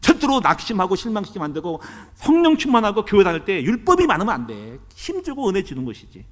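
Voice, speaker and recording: A man's voice: high voice, wildly swooping pitch, fast talker, big-room sound. A middle-aged man from South Korea, a pastor giving a sermon in a church, with a conversational preaching manner full of quoted asides. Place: church sanctuary.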